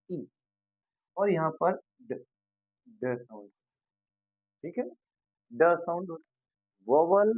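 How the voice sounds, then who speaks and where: A man teaching an English grammar lesson. He goes patiently, repeats sounds slowly and keeps checking that his students follow. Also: on the high side, slightly rough, no echo, narrow, tinny audio.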